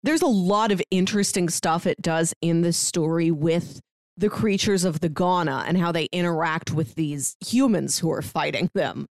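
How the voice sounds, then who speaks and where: Her fairly low, darkish voice comes at a normal speed in a studio-quality recording with no room sound. She co-hosts a podcast and walks through a casual, conversational book review, sometimes laughing lightly.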